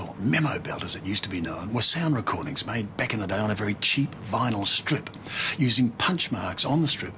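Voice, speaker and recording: A man with a lowish voice explains old recording technology in an earnest, step-by-step way, as if speaking to viewers. Clear background noise runs behind him.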